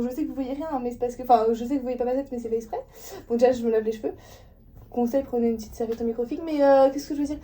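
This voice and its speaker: Young woman vlogger, mellow higher voice, rambling chatty asides, phone at home. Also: a little hiss or hum. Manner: chatty, rambling, many fillers and asides to viewers. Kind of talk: casual vlog chat to viewers. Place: home, indoors.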